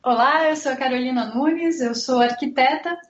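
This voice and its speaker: A high-voiced woman from southern Brazil speaks as an architect and interviewer, explaining things in a measured way. Her voice carries a roomy echo. The audio is dull and lo-fi. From Blumenau, southern Brazil. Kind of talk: interview questions.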